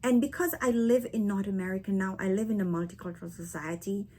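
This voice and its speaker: Barbadian woman, husky, chatty vlogger who tags lines with "right?". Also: medium pitch, quick pace, mellow. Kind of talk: casual talk to camera. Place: living in North America.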